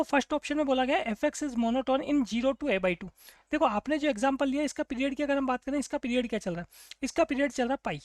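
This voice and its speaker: A woman's voice: high voice, no room sound. A woman teaching a math problem, asking the class questions and answering them herself. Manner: asks and answers her own questions, "clear?" checks. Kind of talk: explaining a math problem on a board.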